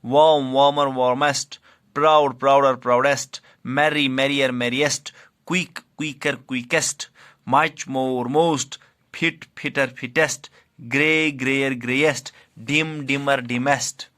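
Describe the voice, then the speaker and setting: Slow, deliberate male teacher. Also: medium pitch, fairly even intonation, a bit bright, smooth. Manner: reads English rules slowly, then explains in Hindi. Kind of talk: classroom grammar lesson.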